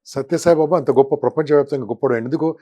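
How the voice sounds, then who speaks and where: Rich: An older man talks quickly, piling up lists and acting out short quotes. His pitch sits in the middle, and he tells his story as an interview guest. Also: dark tone. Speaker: interview guest, motivational speaker. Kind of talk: casual interview talk.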